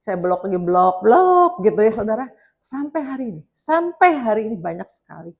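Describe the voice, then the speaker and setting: A woman evangelist delivers a sermon built around a personal story. She speaks in a lively, animated way and often addresses her listeners directly as brothers and sisters. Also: mid-range voice, fast talker, gravelly. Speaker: evangelist preacher.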